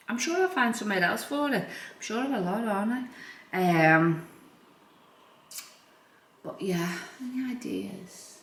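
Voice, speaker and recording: A woman chatting casually as a home vlogger, thinking aloud in an informal, self-deprecating way. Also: fairly low pitch. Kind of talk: casual chatty room-tour vlog. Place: indoors in a living room. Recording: echoey room, background noise.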